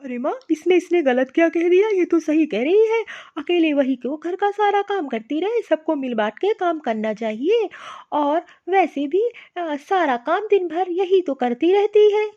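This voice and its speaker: A woman's voice: very high voice, animated, moderate pace, few pauses, dark tone, dull audio. A woman voicing a fair-minded young husband who reasons with his mother in a cartoon. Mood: reasoning. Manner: reasoning, mildly reproachful.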